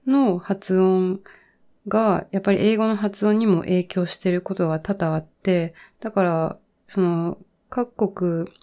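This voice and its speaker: A woman in her thirties talking in a relaxed, reflective monologue, full of fillers and trailing asides, as she gives advice on learning English. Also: medium pitch. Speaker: podcast host giving English learning advice. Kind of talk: casual monologue.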